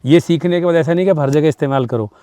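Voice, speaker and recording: A man's voice: a little high, quick pace, dark tone, smooth, dry recording, clean studio sound. A man giving advice in a talk show, emphatic, acting out little dialogues and mixing in English phrases. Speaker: guest speaker.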